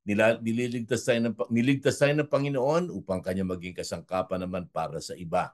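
Calm low-voiced male radio host. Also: brisk. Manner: steady, preacherly wrap-up.

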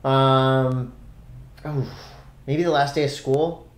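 A man in his forties co-hosting a podcast, bantering quickly in a casual, joking way. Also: medium pitch, fairly even intonation, reverberant. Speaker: podcast co-host.

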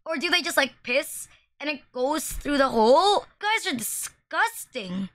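A woman's voice: high voice, sing-song, unhurried. A young woman streamer reacting to memes in casual commentary, swearing a lot and laughing often.

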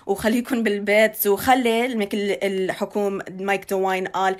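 Holding a phone at arm's length indoors, a local news reporter in her twenties delivers informal live community updates, code-switching between Arabic and English in a Levantine accent. Her mid-range voice stays level at a moderate pace in the small room.

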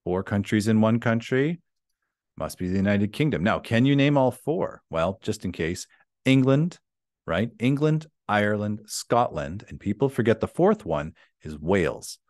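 Chatty male English teacher, lively voice. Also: on the low side, measured pace, dry recording, clean studio sound. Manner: chatty and encouraging, models sentences aloud. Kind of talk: online class lecture.

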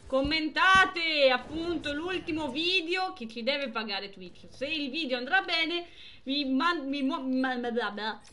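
A young woman streaming a game live, chatting with viewers and exclaiming excitedly over the action. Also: sits high, a little hiss or hum. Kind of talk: live gameplay commentary.

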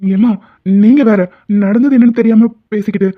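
A woman's voice: on the high side, fairly quick, close to an everyday voice. Woman voicing a flirty cartoon husband, tinny. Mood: flustered. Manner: flirtatious, defensive explaining. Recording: tinny phone-like sound.

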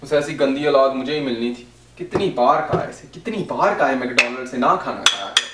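Brief: man as a shrill nagging sketch mom, loud, repetitive, roomy recording. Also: brisk, very noisy, lightly acted. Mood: scolding. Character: nagging, scolding middle-aged mother. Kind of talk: comedy sketch.

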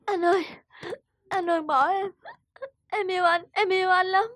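A woman's voice: a little high, moderate pace, breathy edge, no room sound, clean studio sound. An actress playing a distraught young pregnant woman, tearful and pleading, with a Southern Vietnamese accent. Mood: sobbing. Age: young adult.

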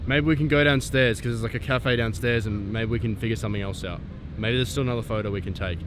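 A man's voice: mid-range voice, quick pace, very noisy. A man in his twenties filming himself at arm's length as he walks a city and a rooftop, talking casually and swearing freely. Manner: laid-back, swears freely, excitable. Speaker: photography vlogger. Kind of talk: casual vlog. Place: outdoors in a city and on a rooftop terrace. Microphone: handheld camera at arm's length.

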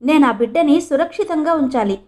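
Resolute protective middle-aged man, read by a woman, earnest, high voice, storybook. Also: animated, fairly quick, darkish tone. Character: determined man in middle age, protective of a child.

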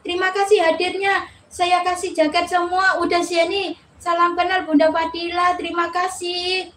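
Woman, high-pitched, chatty live-stream host greeting viewers; faint background noise. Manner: chatty, reads viewer names aloud, laughs often.

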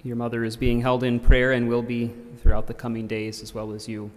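A man around forty, a priest giving a funeral homily in gently paused, careful phrases. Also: medium pitch, monotone. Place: church, at the lectern. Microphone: gooseneck lectern microphone. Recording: reverberant church.

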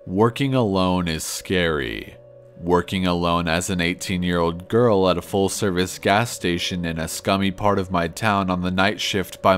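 A man narrating true scary stories in a slow, measured storytelling manner. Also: deep voice. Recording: faint music under the voice.

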